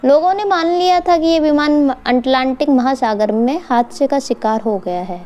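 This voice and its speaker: A woman with a high, warm voice narrates a mystery for her online channel, speaking to her audience casually as the host. Faint noise sits in the background of the recording.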